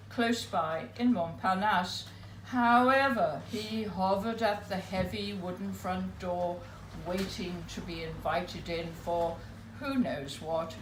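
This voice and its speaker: A woman at a live spoken word night, reading her own memoir piece aloud in an unhurried, expressive storytelling manner. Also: mid-range voice, slight background noise. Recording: roomy live venue.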